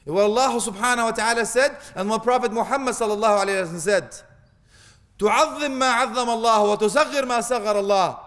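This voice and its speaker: A man with a notably high voice delivers a sermon, mixing humor and acted-out scenes with Arabic phrases. His voice rings out with a long reverb, as if filling a large hall. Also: rapid-fire, fairly bright tone. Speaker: preacher. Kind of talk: animated Islamic sermon.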